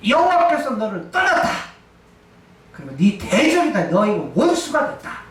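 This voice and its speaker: Male pastor preaching, high animated voice, echoey church hall heard from far off. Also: moderate pace. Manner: emphatic, asks and answers his own questions. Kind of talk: sermon. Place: church sanctuary.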